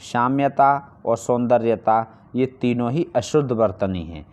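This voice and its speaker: A man's voice: medium pitch, measured pace, a little mellow. Man teaching Hindi spelling, drilling answers. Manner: explains step by step, asks and answers his own questions; repeats key points for emphasis. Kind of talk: online exam-prep lesson.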